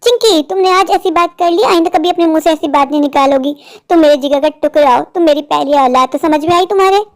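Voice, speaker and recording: A woman's voice: high voice, quick pace. Woman voicing a fretful cartoon mother. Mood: stern. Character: worried loving widowed mother of two daughters. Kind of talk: cartoon storytelling.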